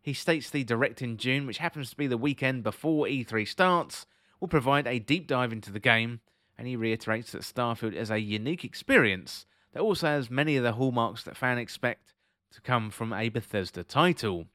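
A man's voice: medium pitch, lively intonation, normal speed, a bit bright, dry recording, clean studio sound. A man hosting a video game podcast, presenting scripted commentary and news.

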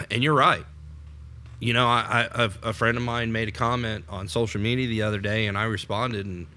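Low, forceful American man podcasting. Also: steady tone, moderate pace. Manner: rambling with frequent repeated starts, laughs. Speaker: podcast co-host. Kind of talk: unscripted political chat.

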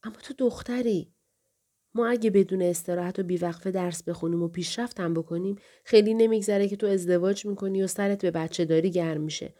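A woman voicing an elderly male scholar who is kind and grieving, speaking softly and affectionately. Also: medium pitch, fairly even intonation, lightly acted. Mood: gentle. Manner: soft, affectionate, slow.

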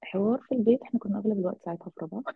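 A woman with an Egyptian Arabic accent giving a halting, reflective personal account as an interview guest. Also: medium pitch, vocal fry, slightly rough, no echo. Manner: halting, reflective, with trailing phrases. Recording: thin, phone-like narrow-band sound.

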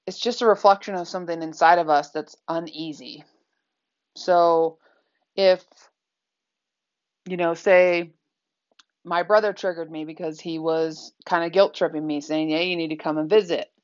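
Woman, lowish voice, candid reflective talk, conversational, dull lo-fi sound. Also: fairly even intonation, unhurried, pauses often. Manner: candid, conversational, many fillers.

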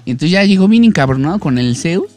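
A man's voice: a little high, expressive, quick pace, a little mellow, soft background music. A man with a Mexican accent retelling an old myth in a casual, slangy, crude way, like a friend telling a story among buddies.

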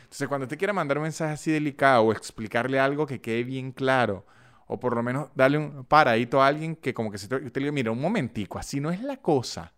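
A man with a Venezuelan Andean accent, hosting a podcast in a casual, animated monologue full of acted-out examples. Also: mid-range voice, quick pace, smooth. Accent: Venezuelan Andean (gocho). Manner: animated, chatty storytelling with acted-out voice notes. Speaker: podcast host.

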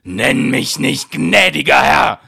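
A man's voice: mid-range voice, lively intonation, takes it slowly, vocal fry, pushed and bright, slightly rough, voice pushed up, full character voice. A man voicing a stern, imperious monstrous beast in a storybook, with a thunderous, snorting voice. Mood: indignant. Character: furious monstrous Beast, commanding and menacing.

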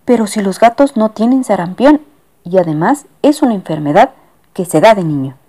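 A woman voicing a doting, fussy lady passenger in a storybook reading, with a high cooing manner. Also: expressive, moderate pace, warm tone, natural voice.

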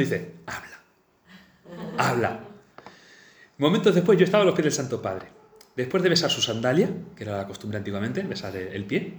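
A man telling a saint's life, reading passages and chatting about them with many fillers and restarts. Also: mid-range voice. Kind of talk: storytelling talk mixing reading and comment. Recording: roomy echo.

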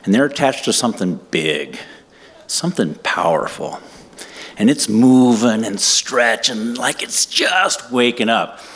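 A man in his fifties telling a comic personal story on stage to a live audience, animated and self-deprecating. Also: mid-range voice. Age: 50s.

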